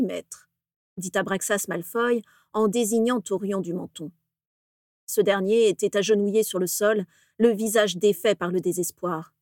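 A woman narrating a story in a measured, steady audiobook reading. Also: medium pitch, no room sound, studio quality.

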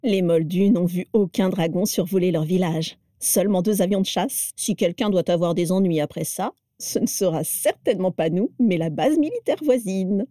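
A woman's voice: normal speed, hardly any pauses, dry recording, clean studio sound, natural voice. A woman voicing an exuberant, playful witch who teases and provokes, read in an audiobook. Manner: cheerful, teasing, high and bright. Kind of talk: audiobook character reading.

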